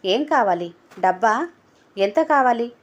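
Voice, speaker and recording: A woman's voice: fairly high pitch, lively intonation, slow pace, highs cut off. A woman voicing a young married woman who scolds and pleads with a blackmailer in an agitated, indignant voice.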